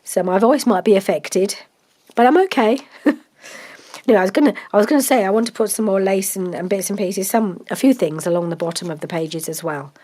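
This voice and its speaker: A craft vlogger chats casually about her crafting project, congested from a cold and rambling with many ums. Her voice is medium-pitched, warm and fairly quick.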